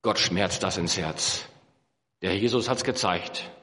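A man preaching a sermon, swinging between emphatic high peaks and low, slow earnest passages. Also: a bit bright. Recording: echoey hall.

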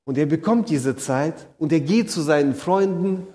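A man's voice: a little high, expressive, normal speed, dark tone. A man preaching a sermon, earnestly speaking straight to his listeners and retelling stories vividly. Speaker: pastor. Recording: long hall reverb.

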